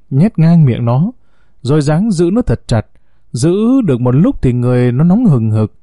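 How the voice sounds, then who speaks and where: Male storyteller, steady unhurried narration, mellow dark tone, dry close sound. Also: mid-range voice, dry recording.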